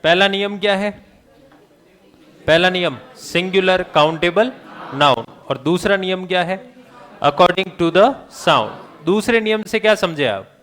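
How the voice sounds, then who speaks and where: Man, classroom lecture, quizzing students, jokey, fairly high voice. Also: fairly bright tone. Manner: asks the class quick questions and answers them himself; jokey, laughs at his own remarks. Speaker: teacher.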